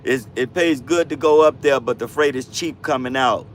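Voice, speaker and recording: Casual trucker host in his fifties, mid-pitched, easygoing slang, light outdoor traffic noise behind him. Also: moderate pace. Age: 50s. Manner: laid-back slang-heavy talk, calls viewers bro and fam. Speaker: livestream host, truck driver. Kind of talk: casual livestream chat reading viewer comments.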